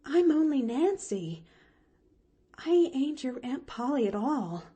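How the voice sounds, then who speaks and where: A woman's voice: high voice, big pitch swings, slow pace, mellow, voice pushed up, exaggerated voice. Woman playing a flustered country hired girl. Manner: plainspoken, rural grammar, stammering.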